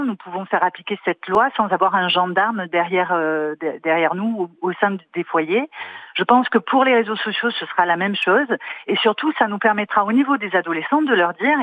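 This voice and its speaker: A woman's voice: medium pitch, no room sound. A woman calling in to a radio show over the phone, talking earnestly with many hesitations. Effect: phone line. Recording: tinny phone line.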